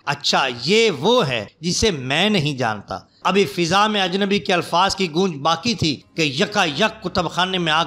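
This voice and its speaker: A man narrates a story in a formal, scripted manner with a bright, forceful voice pitched somewhat high. Soft music plays quietly underneath. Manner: formal, even storytelling delivery.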